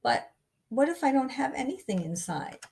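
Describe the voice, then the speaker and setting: A woman's voice: sits high, big pitch swings, normal speed, gravelly, darkish tone, breathy edge, pitched above the performer's own voice, heavily acted. A woman as Zero, an earnest little storybook number. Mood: dejected. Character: Zero, a yearning, earnest young female number.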